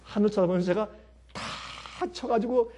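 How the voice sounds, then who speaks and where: Guy preaching, husky mellow voice, storytelling, laughs a lot and gets loud then quiet. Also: high voice, normal speed. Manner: animated storytelling, often laughing, swinging between soft and loud. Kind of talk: sermon.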